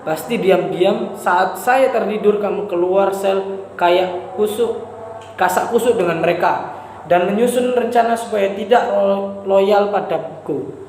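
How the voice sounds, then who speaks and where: A man acting a scornful, lonely prisoner, high-voiced, reverberant room with faint hiss. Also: unhurried, a little mellow. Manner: scolding and pleading with a tin plate. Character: Siwi, a jailed man, scornful yet lonely. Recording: echoey room with faint noise.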